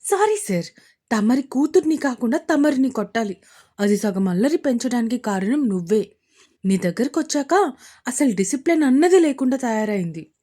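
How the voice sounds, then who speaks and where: A woman's voice: on the high side, expressive, moderate pace, dark tone. A woman voicing an exasperated young mother scolding her family in a storybook reading. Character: scolding young mother, sharp-tongued but fond.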